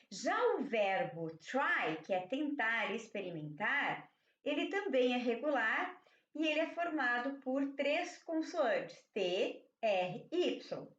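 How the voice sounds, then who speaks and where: A woman teacher giving a slow, patient review lesson, often checking in with "ok?". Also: fairly high pitch. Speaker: English teacher. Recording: echoey, slightly dull room audio.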